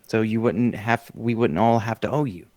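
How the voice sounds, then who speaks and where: A man's voice: fairly low pitch, moderate pace, a little mellow, no room sound. A man playing a big character in a tabletop game, joking and speaking formally in character. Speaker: tabletop player. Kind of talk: in-character banter.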